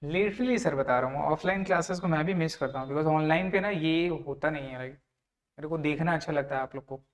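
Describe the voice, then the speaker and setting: Speaking briskly in a somewhat high voice, a young tax tutor leads an online class. He keeps it conversational, says each figure twice, and addresses his students as "sir" while going through the working.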